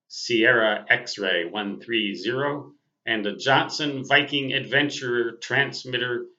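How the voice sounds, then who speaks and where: The recording is dull and lo-fi as the same sixty-something American man from Minnesota, an amateur radio operator, reminisces casually as host. His mid-range voice has a sharp tone, and he speaks deliberately and precisely, spelling out terms phonetically.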